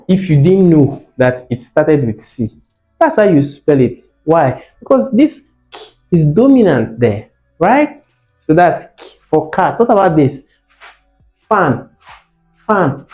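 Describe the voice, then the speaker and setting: Faint music plays behind a muffled, echoey recording of a man giving a lesson. His voice is warm and on the high side, and he explains in a teaching manner, asking questions and stressing key words by repeating them.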